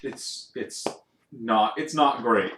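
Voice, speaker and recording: A man co-hosting a casual sports podcast, joking and animated with quick asides. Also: medium pitch, echoey room, slight background noise. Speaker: podcast co-host.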